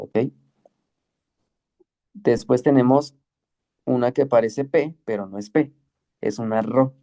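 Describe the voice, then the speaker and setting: A man teaching the Greek alphabet in an online class, patient and slow, often checking with "¿ok?". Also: medium pitch, warm tone. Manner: patient, explains slowly with many checks like "¿ok?" and "¿sí?".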